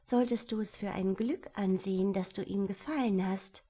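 A woman doing a gentle, tactful elder sister. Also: medium pitch, steady tone, normal speed, husky, close to an everyday voice. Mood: scolding. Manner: courteous, soft-hearted. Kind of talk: storybook reading.

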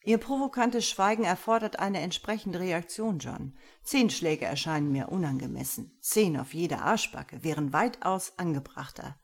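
A woman voicing a smug, calculating man who speaks coolly, with a husky voice. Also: lowish voice, expressive, normal speed, hardly any pauses.

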